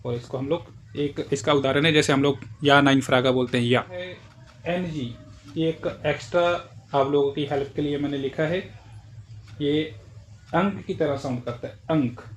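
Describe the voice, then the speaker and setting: A man's voice: on the high side, moderate pace, a little hiss or hum. A man teaching German pronunciation in Hindi, explaining letter by letter and repeating each example word several times. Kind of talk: language lesson explaining pronunciation.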